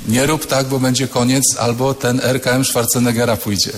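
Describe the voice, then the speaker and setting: A man's voice: mid-range voice, flat delivery, a little fast, background noise. A man, a priest, giving a humorous sermon to students, telling anecdotes and acting out the people in them. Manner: storytelling, acts out quoted voices. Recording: echoey hall with long reverb.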